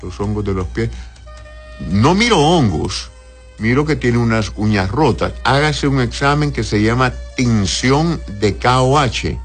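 A man's voice: medium pitch, lively intonation, unhurried, soft background music. A man who is a doctor, reading out viewers' questions and answering them with plain advice, often adding a questioning "right?" at the end. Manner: plain advisory tone, tags "¿verdad?".

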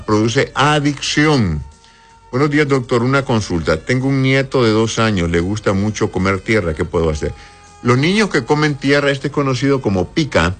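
A man with a medium-pitched, slightly bright voice acts as an on-air doctor, reading listeners' questions aloud. He answers them bluntly and explains things, often tacking on a checking "right?"

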